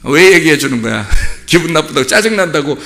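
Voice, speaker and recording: A man preaching a sermon as pastor, swinging from quiet, conversational asides to loud shouting. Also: a little high, lively intonation, a little fast, gravelly. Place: church sanctuary. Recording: long hall reverb.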